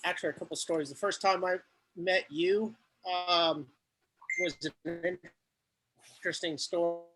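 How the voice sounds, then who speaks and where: A man's voice: sits high, steady tone, a little slow, a bit bright, poor audio. A man telling a casual story over a video call whose audio keeps breaking up. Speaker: athlete asking a guest a question.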